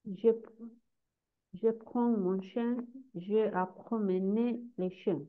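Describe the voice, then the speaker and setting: A woman student answering drills in a French lesson, halting and searching for words. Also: mid-range voice, steady tone, narrow, tinny audio.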